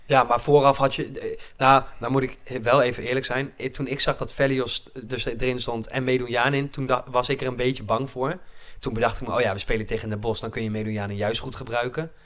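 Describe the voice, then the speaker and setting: A man in casual football chat, animated and laughing often, his voice climbing when he gets worked up. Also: mid-range voice, a little fast. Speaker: football podcast panelist.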